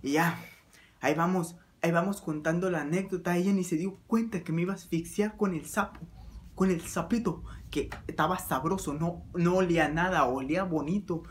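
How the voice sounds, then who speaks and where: A man with a Mexican accent telling a comic anecdote in a crude, slangy, animated way. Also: high voice, normal speed, a little hiss or hum. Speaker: storyteller.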